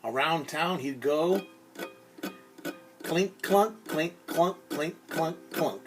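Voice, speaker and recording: With music in the background, a man whose voice is a little high tells a theatrical story as a teacher to young children, pausing to explain words simply and acting out sounds.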